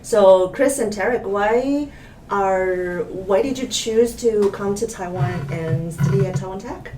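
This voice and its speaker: A woman's voice: mid-range voice, measured pace, distant mic. A woman hosting an interview, greeting guests and asking questions, with brief encouraging backchannels. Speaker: host. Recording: roomy, off-mic with faint noise.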